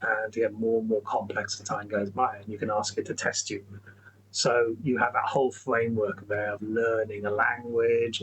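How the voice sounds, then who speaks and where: A man's voice: fairly low pitch, a bit bright, a little hiss or hum, low-quality recording. A man talking through a screen-recorded tutorial in a chatty, rambling way, restarting sentences and saying "okay, so" often. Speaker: tech educator.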